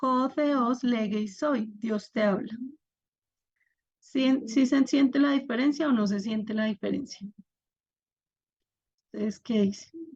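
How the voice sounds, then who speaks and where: A woman's voice: a little high, slow, pauses often, dark tone, husky, dull audio. A young woman teaching an online class, patiently explaining step by step and asking her students to react.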